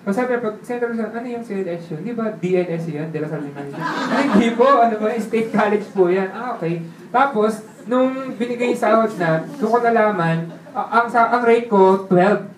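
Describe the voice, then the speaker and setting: A man telling his life story in a casual way, laughing often and checking in with the listener through quick tag questions. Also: high voice, animated. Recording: roomy sound from a distant mic with faint ambience.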